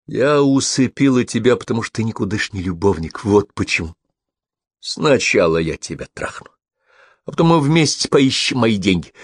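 A man's voice: fairly low pitch, lively intonation, moderate pace, slightly rough, no echo, clean studio sound. A man reading an audiobook and voicing a defiant young woman who taunts and mocks her attacker. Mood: taunting. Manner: taunting, mocking.

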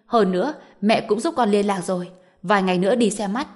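A woman voicing a scheming middle-aged mother-in-law who scolds and wails loudly in an audiobook. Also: medium pitch, a little fast, close to an everyday voice. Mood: nagging. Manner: loud, wailing, scolding. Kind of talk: audiobook character voice.

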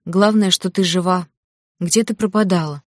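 A woman's voice: lowish voice, fairly even intonation, normal speed, no echo, clean studio sound, natural voice. A woman voicing a loyal young male dragon, tired and caring, in a fantasy audiobook. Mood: weary caring. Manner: weary, reproachful, caring.

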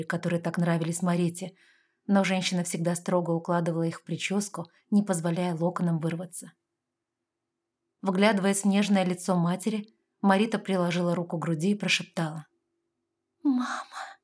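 Woman, audiobook narrator, husky voice, calm even reading. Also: fairly low pitch, fairly quick. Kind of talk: scripted fantasy narration.

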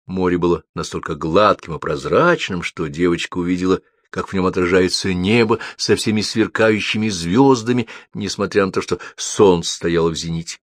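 A man narrating a story aloud in an expressive, theatrical manner. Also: sits low, normal speed, hardly any pauses, no room sound, studio quality. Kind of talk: audiobook story reading.

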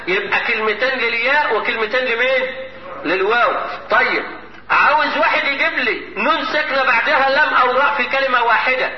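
A high-pitched man with an Egyptian Arabic accent leads a Quran recitation class, firing questions at his students and chanting verses as examples. The recording is dull and echoey, with a faint hiss behind him. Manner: quizzing students, prompting answers.

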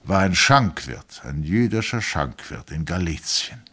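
A man reading a quiet, careful army doctor. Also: low-pitched, sing-song, unhurried, exaggerated voice. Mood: calm.

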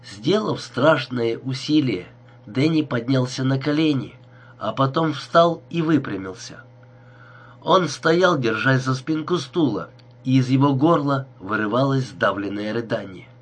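Husky-voiced male audiobook narrator. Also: medium pitch, expressive, a little slow. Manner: tense, dramatic reading. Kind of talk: scripted dramatic narration.

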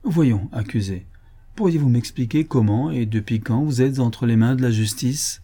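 A man's voice: mid-range voice, normal speed, mellow, lightly acted. A man reading the part of a stern older male court president in an audiobook, questioning sharply. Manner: indignant questioning.

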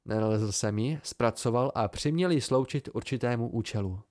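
A man's voice: mid-range voice, darkish tone, no echo, clean studio sound, natural voice. A man reading an amateur audiobook and voicing a charming, mercurial fey youth with a raised, eager voice and sudden intensity. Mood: coaxing.

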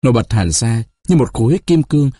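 Husky male storyteller for a novel audiobook; animated, dramatic delivery. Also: mid-range voice, brisk, no echo, clean studio sound. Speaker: narrator.

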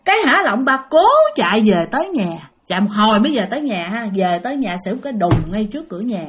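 A woman's voice: medium pitch, very animated, quick pace. A woman with a Southern Vietnamese accent telling a ghost story, speaking directly to her listeners and repeating herself for effect.

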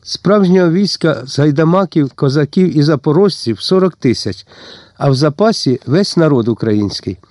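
A proud, steady rebel colonel voiced by a male narrator, reporting his news in a firm, matter-of-fact way. The reading is close and dry, with no room sound. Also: a little high, moderate pace, no room sound, voice pushed up, natural voice.

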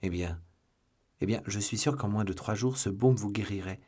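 Brief: man reading eager young duelist, courteous but bold, husky low voice, audiobook. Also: moderate pace, a little mellow. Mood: earnest, polite.

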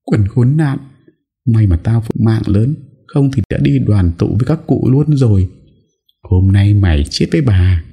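A man's voice: lively intonation, measured pace, warm tone, breathy edge, exaggerated voice. A man voicing an older head wife of a household who curses and berates furiously. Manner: shrill, cursing, berating.

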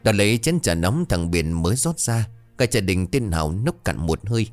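Low, lively male horror storyteller. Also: moderate pace, no echo, faint music behind. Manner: expressive, voices many characters. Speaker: narrator. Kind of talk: scripted horror story narration.

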